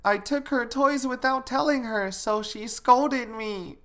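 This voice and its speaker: A man's voice: very high-pitched, takes it slowly, a bit bright, pitched above the performer's own voice, heavily acted. A man voicing a tearful little girl of two or three who talks in a small, pleading way. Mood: sheepish.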